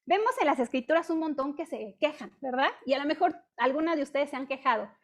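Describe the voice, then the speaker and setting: High-voiced Mexican woman preaching casually. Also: animated, fast. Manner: chatty, peppers talk with rhetorical questions; acts out her own past complaints in dialogue. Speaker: women's ministry speaker. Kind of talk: conversational testimony sermon. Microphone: video call.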